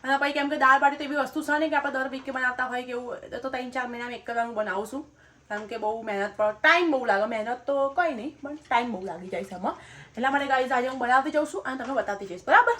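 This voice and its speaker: Racing along in a high, slightly bright voice, this young Gujarati-accented woman hosts a family cooking vlog. She keeps things casual, laughs a lot, and addresses her viewers as "guys."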